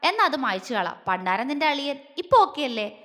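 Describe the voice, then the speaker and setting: A woman voicing a cheeky, playful young woman with quick teasing retorts in an audio story. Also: high voice, big pitch swings, a bit bright, big-room sound.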